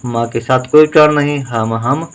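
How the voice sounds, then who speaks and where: A man teaching handwriting, slowly sounding out each syllable and vowel sign in a patient dictation. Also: mid-range voice, fairly even intonation, smooth. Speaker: Hindi writing teacher. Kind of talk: slow spelling dictation lesson.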